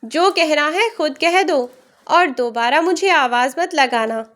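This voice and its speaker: A woman voicing a rude, scornful young daughter-in-law who shouts insults. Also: high voice, lively intonation, a little slow.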